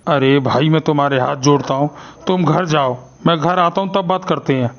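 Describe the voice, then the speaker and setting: A man's voice: fairly high pitch, moderate pace, lo-fi sound, close to an everyday voice. A man voicing a nervous, henpecked schoolteacher in a cartoon who stammers and pleads. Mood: flustered pleading.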